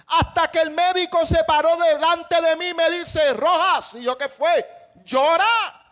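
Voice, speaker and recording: A man preaching a sermon as pastor, impassioned, often raising his voice to a shout for emphasis. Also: extremely high pitch, fairly even intonation, moderate pace.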